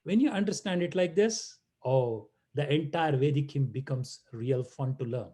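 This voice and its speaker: A man's voice: mid-range voice, moderate pace, dark tone. A man giving a playful talk to children over a video call, teasing and chanting verses. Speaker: guest speaker.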